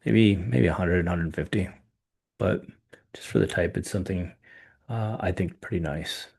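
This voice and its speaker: Male podcast host, very deep voice, hoarse, halting casual commentary with frequent ums. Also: darkish tone. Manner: halting, many ums and restarts, thinking aloud. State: losing his voice. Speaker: podcast host reviewing coin auctions.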